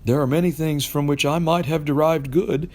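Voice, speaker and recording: A man's voice: on the high side, fairly even intonation, normal speed, darkish tone, pitched above the performer's own voice. A man voicing a cheerful, earnest young nephew in a storybook reading, pleading and good-hearted in manner.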